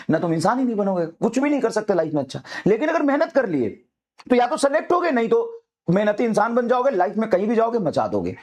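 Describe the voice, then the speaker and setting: A man, a teacher, giving a fiery motivational talk to students, repeating his urgings over and over and dropping low and soft for emphasis. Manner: fiery, repetitive exhortations.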